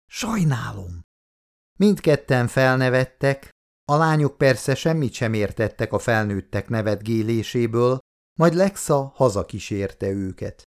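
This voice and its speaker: A man narrating an audiobook in a calm, measured reading voice. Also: mid-range voice, clean tone. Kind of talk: scripted narration.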